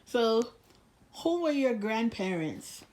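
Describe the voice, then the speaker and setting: A grandchild interviewing their grandfather, gently prompting with short questions and frequent okays. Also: medium pitch, big pitch swings, takes it slowly, reverberant, slight background noise. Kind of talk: casual interview.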